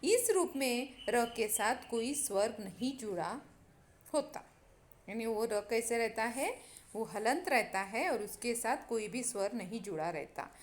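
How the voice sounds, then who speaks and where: Woman teacher, kinda high voice, slow, breaks words into syllables, talks straight to the students. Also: expressive. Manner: slow, spells out syllables one by one; addresses students directly, dictating. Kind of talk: Hindi grammar lesson.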